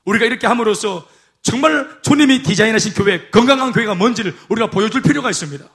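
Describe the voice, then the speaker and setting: A male pastor preaches in a church, his voice pitched high for a man. He keeps drawing amens and hallelujahs from the congregation. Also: fast talker, fairly bright tone. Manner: call-and-response preaching, repeated amens and hallelujahs. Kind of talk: sermon. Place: church sanctuary.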